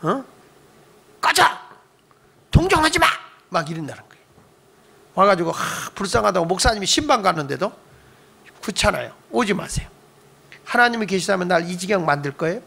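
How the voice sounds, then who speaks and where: A middle-aged man preaches from a church pulpit in a high voice with a gravelly edge. He is playful with the congregation and breaks into voices as he tells his stories. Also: expressive, a little fast, long pauses. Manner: acts out quoted voices with sudden jumps in pitch and loudness; humorous, calls for amens from the congregation. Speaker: pastor. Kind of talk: Friday night sermon. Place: church sanctuary.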